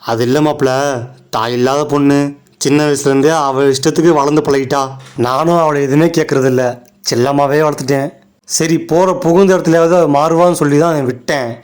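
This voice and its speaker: A man's voice: fairly high pitch, fairly even intonation, fairly quick, a little mellow, smooth, pitched below the performer's own voice, natural voice. A man playing a doting older father-in-law who fawns over his son-in-law in a comedy skit. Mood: sorrowful. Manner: fawning, repeating welcomes.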